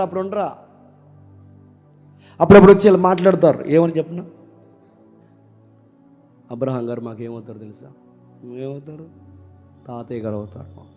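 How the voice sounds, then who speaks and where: A man preaching a sermon in a slightly raised voice, with faint music under him. He lurches from booming declarations to quiet asides and keeps pressing the congregation for answers. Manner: swings between loud outbursts and hushed asides; asks the congregation questions and calls for replies. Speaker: pastor.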